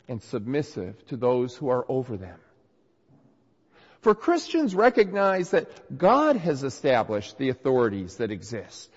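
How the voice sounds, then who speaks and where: Preaching slowly with earnest emphasis, a male pastor reads scripture and delivers his sermon in a voice made slightly nasal and raspy by a recent cold, yet a little mellow. His pitch swings animatedly on his points. The dull, muffled recording carries long reverb from the hall.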